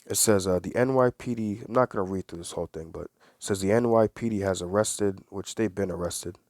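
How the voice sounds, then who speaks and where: Emphatic low-voiced man preaching. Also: a little fast, darkish tone, no room sound, clean studio sound. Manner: emphatic, repeats phrases, rhetorical questions. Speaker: religious commentator. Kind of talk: preachy commentary with read-aloud news.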